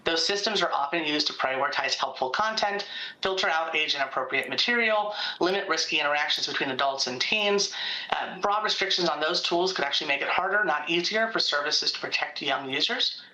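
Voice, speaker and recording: A woman's voice: low-pitched, expressive, a little fast, bright, forceful tone. A woman policy director gives formal testimony over a video call, reading a prepared statement with small stumbles. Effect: heard over a video call. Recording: echoey video call audio.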